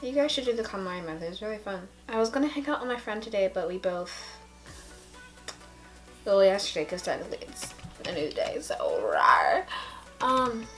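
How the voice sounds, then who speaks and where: A young vlogger sits on the carpet at home late at night, chatting sleepily to a camera held close at arm's length while faint music plays. Tired and nursing a headache, she speaks fast at a medium pitch with lively intonation. She drifts giddily from topic to topic, rambling as she goes.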